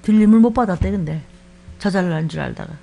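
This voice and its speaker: A woman pastor preaching a sermon, animated, acting out quoted voices and swinging between loud exclamations and hushed asides. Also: on the low side, fast, gravelly, a little hiss or hum.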